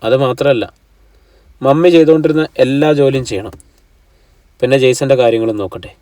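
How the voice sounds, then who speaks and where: A man's voice: mid-range voice, a little fast, dark tone, dry recording, far from the mic, close to an everyday voice. Brief: narrator doing a hurt young woman, subdued and plain, dry sound, mic set back.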